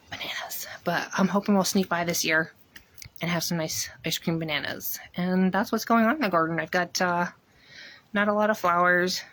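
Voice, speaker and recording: Lady kinda low-voiced, a bit out of breath, rambly chatty garden walk, outdoors on a phone. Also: a bit bright. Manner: rambling, many ums, chatty. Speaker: gardening vlogger. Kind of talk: casual garden tour chat.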